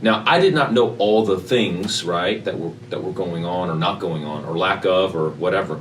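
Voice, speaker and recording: A deep-voiced man speaks as an interview guest, easygoing and rambling with plenty of fillers. He sits a little back from the microphone. Faint background noise hums under his talk. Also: normal speed. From born in Japan, raised in Texas. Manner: relaxed, rambling, frequent fillers. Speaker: political candidate. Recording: faint ambient noise, slightly distant mic.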